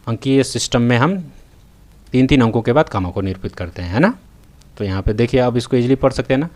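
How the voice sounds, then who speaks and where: A man's voice: medium pitch, a little mellow. A man teaching a math lesson in a touch, writing on a tablet as he talks and often checking that the students follow. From North India. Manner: repeats "theek hai" and "hai na", checks in with students. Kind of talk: tutorial lesson. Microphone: voice-over recorded while writing on a tablet.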